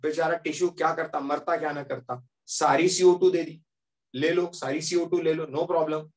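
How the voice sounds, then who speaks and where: A male teacher giving a lively classroom lecture as a story, often checking that students follow. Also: fairly high pitch, normal speed, far from the mic.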